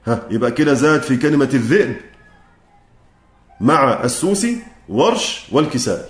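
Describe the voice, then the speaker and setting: A man with an Egyptian accent teaching a recitation class, chanting verse lines slowly and quizzing his students. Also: medium pitch, very animated, echoey room. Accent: Egyptian Arabic. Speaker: lecturer on Quran recitation. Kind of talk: classroom lecture.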